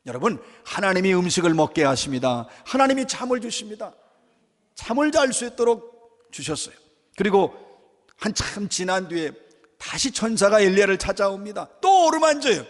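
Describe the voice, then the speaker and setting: A man's voice: sits high, big pitch swings, moderate pace. A man preaching a sermon as pastor, fervent, at times voicing the prayers and words he quotes. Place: church sanctuary. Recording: long reverb of a church hall.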